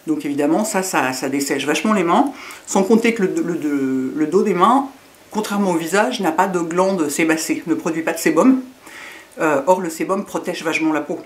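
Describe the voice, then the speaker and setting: A woman's voice: on the low side, normal speed. A middle-aged woman with a lisp and slushy s sounds, chatting casually in a rambling, self-mocking way as a beauty vlogger.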